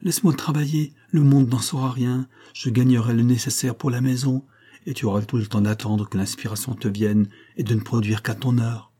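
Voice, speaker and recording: A man reading the lines of a resolute young wife in an audiobook, earnest and measured. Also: mid-range voice, steady tone, mellow, slightly rough, natural voice. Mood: earnest, firm.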